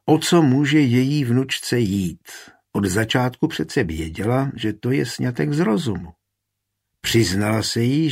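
A man with a husky voice narrating an audiobook in a calm, even storytelling manner. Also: medium pitch. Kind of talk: audiobook reading.

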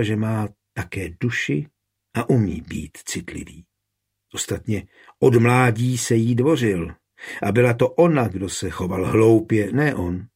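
A man narrating an audiobook with steady, even storytelling. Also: on the low side, husky.

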